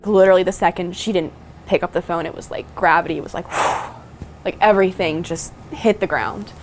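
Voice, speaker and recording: A young woman in a documentary interview, talking softly and haltingly with frequent fillers, music under her voice. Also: fairly low pitch. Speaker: interviewee, daughter of a victim.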